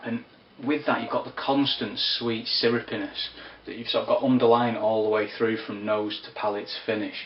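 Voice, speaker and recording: A man giving a casual spoken whisky review, unhurried and descriptive with wry asides. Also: lowish voice, level tone. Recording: roomy, distant, dull lo-fi sound.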